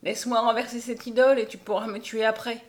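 A woman reading aloud and voicing a ferocious, wild-bearded man who shouts in exalted fury, in a storybook reading. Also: fairly high pitch, little pitch movement, fast talker, lightly acted. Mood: fierce. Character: fierce wild-bearded male zealot, ferocious.

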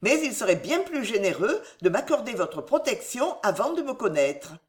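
A woman voicing an excitable, fawning young gentleman who pleads theatrically. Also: on the high side, moderate pace.

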